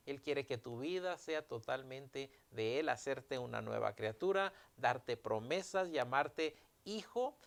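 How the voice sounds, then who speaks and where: Gravelly-voiced man preaching a sermon. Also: on the high side. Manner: preaching with emphatic rises, retelling scripture dialogue. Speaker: pastor.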